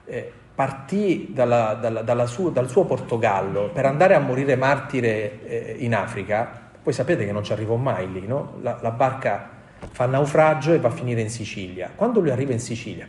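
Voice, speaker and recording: A man's voice: fairly high pitch, a little mellow. A man preaching a sermon with passion, climbing to emphatic peaks and acting out short quoted cries. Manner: impassioned, rising to emphatic peaks, quoting voices. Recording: echoey room.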